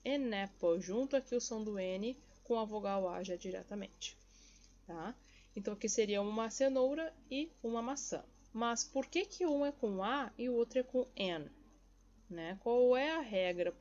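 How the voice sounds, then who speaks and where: A woman with a Brazilian Portuguese accent teaching an English grammar lesson. She talks patiently, repeats each example slowly and keeps checking in with the class. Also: a little high, darkish tone, lo-fi sound.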